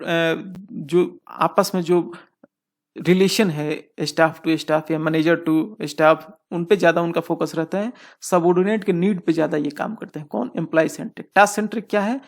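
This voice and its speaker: A man's voice: high voice, gravelly. A man teaching a lecture, posing questions and answering them himself while often checking in with his students. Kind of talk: explanatory lecture.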